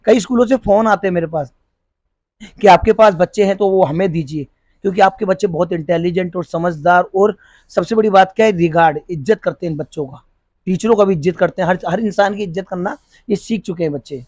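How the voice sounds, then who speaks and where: A man's voice: sits high, fairly quick, a little mellow, no room sound. A middle-aged man, a police officer who runs a school, answering interview questions earnestly, often restarting his sentences. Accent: Hindi. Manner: earnest, repeats and restarts while searching for words.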